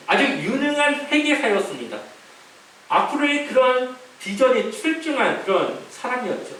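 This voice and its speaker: Pastor, male, high lively delivery, storytelling sermon, distant mic in a very echoey sanctuary. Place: church sanctuary. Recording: echoey hall from far off, faint hiss.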